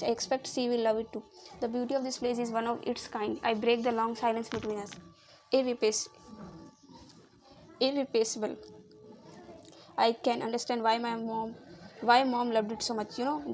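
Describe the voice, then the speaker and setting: A woman reading a romance novel aloud in a steady, even way, now and then stumbling and re-reading a word. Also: fairly high pitch, low-quality recording. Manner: steady, even read-aloud delivery with small slips and re-reads. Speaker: audiobook reader.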